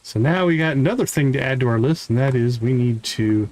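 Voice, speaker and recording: Chatting to the characters as he plays, a male streamer delivers casual live gameplay commentary and reads the game's dialogue aloud. He talks a little fast in a mid-range, darkish voice, with a little hiss or hum.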